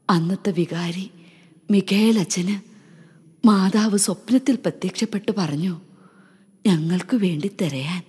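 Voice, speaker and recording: A woman's voice: on the low side, mellow, husky. A woman playing a grieving young mother. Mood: hushed. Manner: soothing a crying baby, rocking lull. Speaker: narrator and character. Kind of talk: historical light-and-sound show drama.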